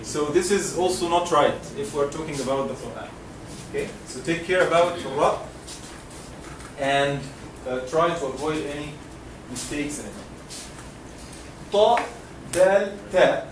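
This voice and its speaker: A slightly slow, high-sided voice belongs to an Egyptian man teaching Quran recitation. He patiently models each sound for the class to repeat, call-and-response style, in a lecture classroom where the distant mic catches lots of room noise and echo.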